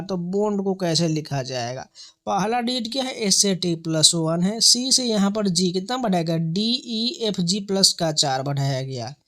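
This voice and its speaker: A man's voice: high voice, a bit bright. Man talking through reasoning puzzles. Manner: counts letters and numbers aloud, asks and answers own questions. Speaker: exam coaching teacher. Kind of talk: step-by-step reasoning lesson.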